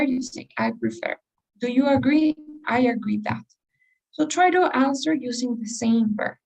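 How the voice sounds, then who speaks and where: Gravelly-voiced woman teaching a class. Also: fairly high pitch, a little mellow, recorded from a distance, poor audio. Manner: explains step by step, asks the class questions. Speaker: English test-prep teacher. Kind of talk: class lesson.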